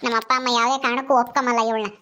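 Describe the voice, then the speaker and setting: A woman's voice: a little high, little pitch movement, rapid-fire, bright, forceful tone. A woman voicing a bitter younger sister who complains indignantly in a family drama skit. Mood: resentful.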